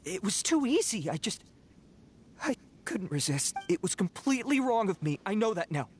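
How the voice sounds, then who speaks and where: A man's voice: high-pitched, sing-song, normal speed, a little hiss or hum. A man voicing a cowardly small-time bandit in a video game, by turns blustering and sheepish. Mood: sheepish, pleading. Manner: hesitant, stammering, self-justifying.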